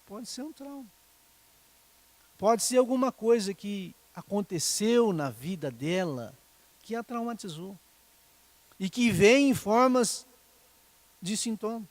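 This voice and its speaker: A middle-aged man delivers a sermon in a high, light voice. His tone is conversational, often turning to the congregation with short questions. The sound is dry and close, with no room echo. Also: expressive, slow, long pauses. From Brazil. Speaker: pastor.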